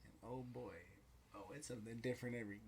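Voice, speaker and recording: A man's voice: mid-range voice, steady tone, fast talker, crowd noise. A man chatting casually as a podcast co-host, slangy and swearing often, repeating phrases for emphasis. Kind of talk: casual chat.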